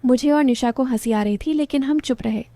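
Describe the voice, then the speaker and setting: A young woman narrating a first-person story at a steady, even pace. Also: sits high, a little fast, no room sound.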